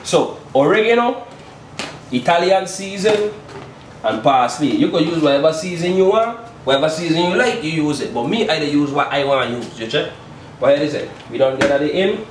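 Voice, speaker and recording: A man with a higher, expressive voice talks a little fast while playfully demonstrating a home recipe, tagging his lines with "you check?" As a chatty home cook host in a small indoor kitchen, he's caught from a distance by a camera mic, so the room sounds roomy, with a little hiss or hum.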